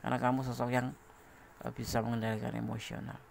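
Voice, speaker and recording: Tarot reader, male, very gravelly, chatty, laughs a lot, talks straight at the listener. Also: mid-range voice, completely flat delivery, fast talker, a little hiss or hum. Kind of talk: casual tarot reading to a viewer.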